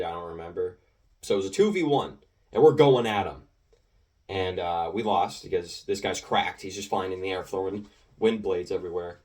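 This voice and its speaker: A teenage boy with a slightly low voice recounts his online matches in a loose, rambling way. He jumps between thoughts, fills gaps with ums and likes, and gets animated as he goes. The mic picks him up from a little distance. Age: teens. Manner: rambling, animated, full of filler words and restarts. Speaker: gaming video creator. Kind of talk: casual storytelling commentary.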